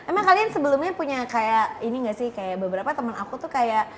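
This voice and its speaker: Woman host, high voice, bubbly and chatty, faint background noise. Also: expressive, fast talker, darkish tone. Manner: bubbly, chatty, mixing in English phrases. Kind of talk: casual interview chat.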